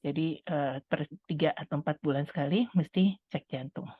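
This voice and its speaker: A woman's voice: low-pitched, moderate pace, breathy edge, dry recording. A middle-aged woman giving a chatty, conversational personal testimony, talking to her listeners like friends. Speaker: speaker sharing a testimony. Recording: tinny phone-like line, dry sound.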